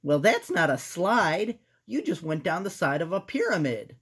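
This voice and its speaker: A woman's voice: fairly low pitch, wildly swooping pitch, moderate pace, breathy edge, pitched above the performer's own voice, exaggerated voice. A woman voicing a cautious, bookish small male mouse with an earnest manner in a children's storybook. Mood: explaining. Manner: earnest, careful.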